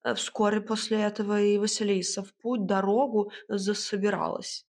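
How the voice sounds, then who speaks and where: A woman voicing a proud, grumbling male house cat who talks slowly and purrs between words in an audiobook. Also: mid-range voice, flat delivery, darkish tone, close to an everyday voice. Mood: storytelling. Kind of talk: audiobook character voice.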